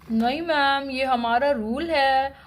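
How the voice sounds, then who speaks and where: A woman's voice: high voice, slow pace. Woman doing a bossy male doctor. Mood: stern. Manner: stern, scolding.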